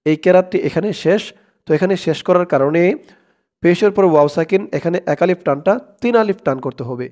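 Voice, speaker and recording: A man teaching Quran recitation, spelling out each word and chanting the verses in long drawn-out tones. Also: sits high, a little mellow. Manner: slow drawn-out chanting of verses between plain explanations.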